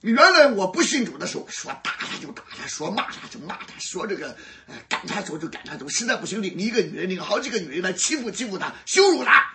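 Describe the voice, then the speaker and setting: A man's voice: sits high, very animated, fast, few pauses, pushed and bright, exaggerated voice. A man voicing a middle-aged former gang boss who grumbles self-pityingly about his hard life. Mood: aggrieved.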